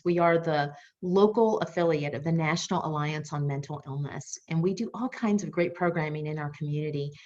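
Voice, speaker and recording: A woman with a low voice opens a webinar in a friendly, conversational way that rambles a little. The sound is dull and lo-fi, picked up by a computer mic. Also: a little mellow. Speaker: nonprofit executive director hosting a webinar. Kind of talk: webinar presentation.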